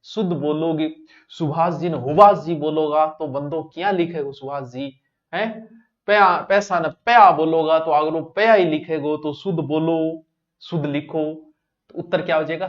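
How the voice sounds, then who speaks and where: A male teacher runs an exam-prep class, chatting straight to his students. His voice sits high, and he repeats the key words for emphasis. The recording sounds muffled and lo-fi. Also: a little slow.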